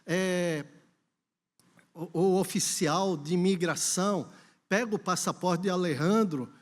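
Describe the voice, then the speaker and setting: At a church conference, a Brazilian pastor with a high-pitched voice preaches at a measured pace. He tells a story, then urges the congregation on with emphasis, his words carrying a long hall reverb.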